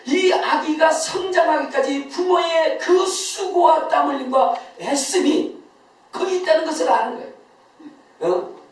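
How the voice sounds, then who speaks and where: A male pastor gives a Sunday sermon with emphasis. He quizzes his congregation and often laughs as he talks. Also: very high-pitched. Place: church sanctuary. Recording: very echoey church, voice from far off.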